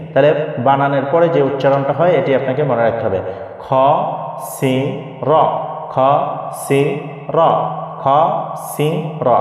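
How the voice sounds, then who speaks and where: A man teaching Quran reading, spelling out letter sounds in slow, repetitive drills. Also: medium pitch, a little mellow. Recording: very echoey room with long reverb.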